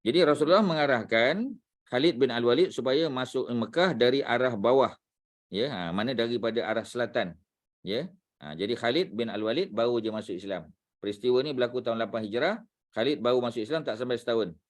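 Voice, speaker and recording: Teaching a religious class, a man with a medium-pitched voice takes his time, thinking out loud as he looks for words and dropping plenty of fillers.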